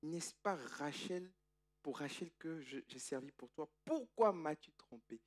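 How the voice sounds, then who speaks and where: An indignant young man who has just been tricked, as a preacher acts him out. He pushes back in a reproachful, protesting tone with a lively rise and fall in his voice. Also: on the high side, unhurried, pitched above the performer's own voice.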